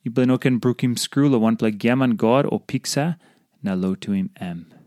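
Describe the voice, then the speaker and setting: A man's voice: medium pitch, normal speed, a little mellow, no room sound, studio quality. A man delivering a devotional talk, reading scripture and explaining it as a speaker to believers.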